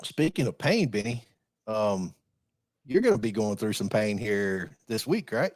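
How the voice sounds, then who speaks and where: A man's voice: on the low side, sing-song, unhurried, darkish tone, no room sound. Folksy man laughing on a podcast. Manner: folksy, laughs often, repeats words. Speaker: podcast co-host. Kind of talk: casual chat.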